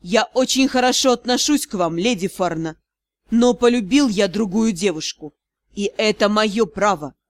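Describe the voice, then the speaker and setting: Woman reader doing a male aristocrat: low, icy, unhurried courtesy, storybook. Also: no echo, lightly acted. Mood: icy polite. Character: cold, commanding aristocratic lord, a male academy director. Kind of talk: audiobook character voice.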